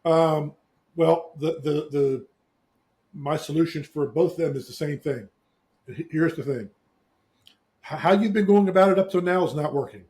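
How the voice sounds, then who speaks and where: A man's voice: a little high, normal speed, long pauses, a little mellow. A middle-aged man co-hosting a casual talk show, earnestly giving life advice, often restarting his sentences. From Eastern Shore, US. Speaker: podcast co-host. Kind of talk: casual chat.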